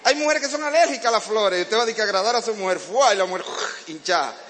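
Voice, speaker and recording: Predicador dominicano de voz aguda. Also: male voice, high-pitched, animated, fast talker, a bit bright. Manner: humorous, acts out domestic scenes. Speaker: preacher. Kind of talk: sermon to couples. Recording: reverberant hall, faint background noise.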